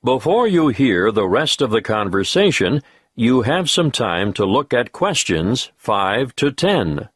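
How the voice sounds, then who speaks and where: A man with a husky voice reading test instructions in a measured, formal way. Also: mid-range voice, sing-song, a bit bright, no room sound, clean studio sound. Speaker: exam announcer.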